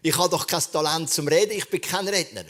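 A man's voice: on the high side, fairly quick, fairly bright tone. A man preaching a sermon in a church service, speaking earnestly and conversationally, often addressing the listener directly.

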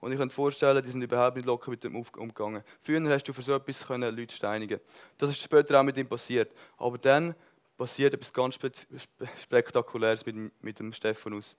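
A man preaching a sermon with passion, swinging between loud bursts and soft, earnest lines, and mixing in English words. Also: mid-range voice, fairly even intonation, quick pace.

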